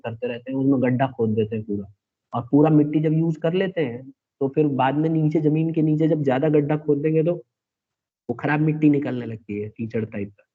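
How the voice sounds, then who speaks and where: A man teaches a class in an explanatory way, pausing to ask if the point is clear. His voice sits at an ordinary middle pitch. The audio is narrow and tinny, like a phone line. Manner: explanatory, asks checking questions. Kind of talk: classroom lecture.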